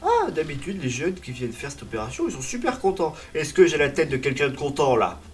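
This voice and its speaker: A man's voice: fairly high pitch, expressive, quick pace. A young man telling a personal story in a comic vlog style, dramatic, exaggerated and self-mocking. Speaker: vlogger.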